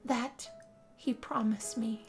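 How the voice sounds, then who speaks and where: Over background music, a woman narrates a role-play story in first person as a weary, lovestruck young heroine, sighing breathily and theatrically. Her voice is on the high side and darkish, with fairly even intonation and a slow pace.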